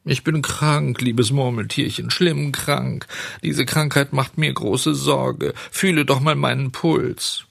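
A man's voice: mid-range voice, fairly even intonation, slow, vocal fry, fairly bright tone, no room sound, pitched above the performer's own voice, full character voice. A man reading a storybook aloud, voicing a foolish, desperate wooden puppet boy who whines and sobs his pleas. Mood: panicked. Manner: whiny, sobbing pleas.

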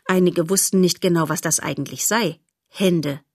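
A woman reading a children's novel aloud as narrator, in a steady, expressive storytelling manner. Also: on the low side, moderate pace, breathy edge, dry recording, studio quality.

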